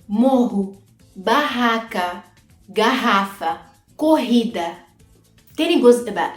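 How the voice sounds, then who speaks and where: An echoey room with faint background music carries the somewhat high, slightly mellow voice of a Portuguese teacher who has an Egyptian Arabic accent. During this online lesson she patiently breaks pronunciation into steps and says each example word out loud.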